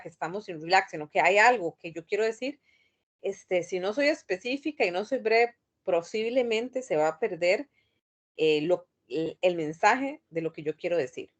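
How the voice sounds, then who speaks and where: A woman teacher lectures in a calm, thoughtful way. She stops often with fillers and restarts her sentences while she explains. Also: medium pitch. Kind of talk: online class lecture.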